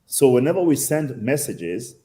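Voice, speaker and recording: A man's voice: medium pitch, big pitch swings, moderate pace, mellow. A man with a Kenyan accent answering interview questions conversationally, emphatic, with rhetorical questions and repetition. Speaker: interview guest, consul general.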